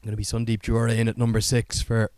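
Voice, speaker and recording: A man's voice: fairly low pitch, monotone, fast, darkish tone, clean tone, dry recording. A man giving live cricket commentary as a play-by-play commentator, with fluent, articulate broadcast delivery.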